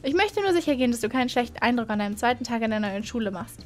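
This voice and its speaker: A woman's voice: on the high side, animated, rapid-fire, natural voice. A woman voicing a caring, worried mother of a schoolgirl, read aloud from a story.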